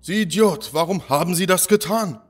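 A man's voice: mid-range voice, normal speed, soft background music, lightly acted. A man voicing a brilliant, irritable male doctor who explains things precisely in a lecturing way, in a spoken horror story. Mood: furious.

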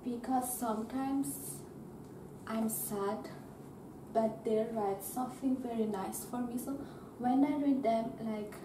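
Slow-spoken young woman from Madagascar. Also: on the high side, steady tone. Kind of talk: casual interview answers. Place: small dormitory bedroom. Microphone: far camera. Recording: roomy, distant, noisy.

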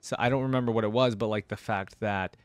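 A young adult host sits close to a desk microphone in an indoor room, wearing a headset as he gives casual, rambling reaction commentary. His lowish voice is fairly even in intonation and quick, with no echo and soft music in the background.

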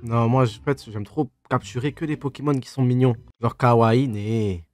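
A man from France hosting a casual voice chat as a streamer, teasing and mock-serious, now and then breaking into loud fake outrage. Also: medium pitch, fairly even intonation, normal speed, faint music behind. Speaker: streamer host.

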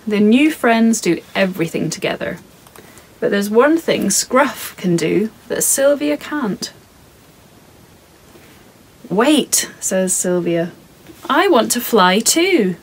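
Slight background noise sits under a woman in her thirties as she reads her picture book aloud for children from her home studio. Her mid-range voice is soft, calm, and measured.

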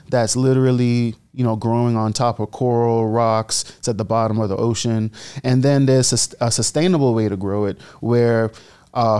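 A man in his thirties from the Bahamas with a Bahamian accent, a guest telling his story in a relaxed way in a casual podcast interview, speaking into a studio mic. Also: medium pitch, clear, resonant tone. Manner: relaxed storytelling, gestures while talking. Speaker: guest entrepreneur. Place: studio set with leather armchairs. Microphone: boom-arm studio mic.

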